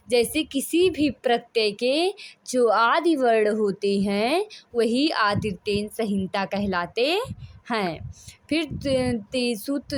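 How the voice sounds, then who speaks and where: A woman's voice: on the high side, no room sound. A woman teaching Sanskrit grammar, reading out rules and then explaining them, drawing out vowel sounds to show their length.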